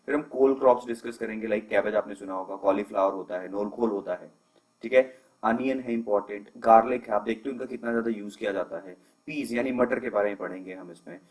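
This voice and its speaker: A man's voice: on the low side, fast talker, a little mellow, poor audio. A young man teaching an agriculture lecture over slides, explaining terms patiently and mixing English into his talk. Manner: explanatory, mixes English terms into Hindi, frequent fillers.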